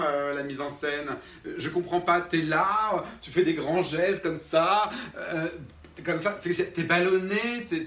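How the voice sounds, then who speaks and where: A man's voice: fairly high pitch, pushed and bright. A man playing an irritated drama teacher who talks to unseen students, patient at first and then fed up, always asking if they agree. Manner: patient then irritated, keeps checking with "d'accord?". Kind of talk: comic one-man sketch. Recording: roomy sound, mic far off.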